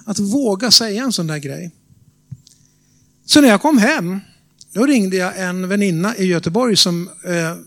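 A man's voice: high voice, gravelly, fairly bright tone. A man with a Norrland Swedish accent preaching a sermon, telling a testimony dramatically and asking the congregation if they follow. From Norrland, Sweden. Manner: dramatic storytelling, asks the audience questions.

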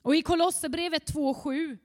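High-voiced fervent woman preaching. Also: fairly even intonation, in a large hall. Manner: fervent, rising to near shouting at times. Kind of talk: sermon.

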